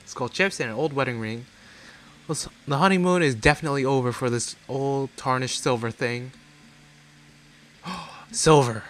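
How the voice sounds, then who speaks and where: A man's voice: mid-range voice, moderate pace, long pauses, fairly bright tone. A man streaming a game, reading its dialogue aloud with jokey asides. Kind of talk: casual game playthrough. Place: home streaming setup. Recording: dry close mic with faint game music.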